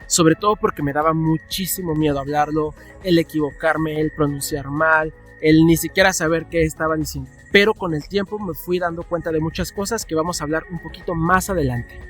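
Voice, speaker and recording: A young Mexican man with a Mexican accent, telling stories in a casual vlog and acting out his own past conversations. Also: on the high side. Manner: chatty, animated, acts out his own past dialogue. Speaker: vlogger.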